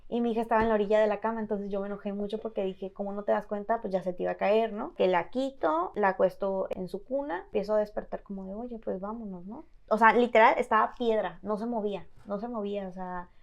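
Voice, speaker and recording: A woman from Mexico tells her story in an interview, halting and restarting as she goes. Her pitch sits in a middle range. The audio is slightly dull. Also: vocal fry. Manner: halting, with many fillers and restarts. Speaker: guest telling her story. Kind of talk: personal testimony in an interview.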